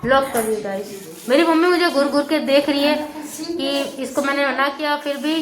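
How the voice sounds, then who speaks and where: A young woman vlogging casually on a phone she holds, feeling unwell and low on energy, talking softly with a rambling flow and many fillers. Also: moderate pace, very echoey, rough recording. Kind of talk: casual vlog chat. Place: room upstairs at home. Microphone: phone held in hand.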